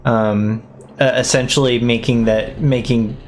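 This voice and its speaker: A man's voice: mid-range voice, fairly even intonation, measured pace. Hesitant man over music. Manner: hesitant, many ums and restarts. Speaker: stream co-host. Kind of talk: casual podcast chat.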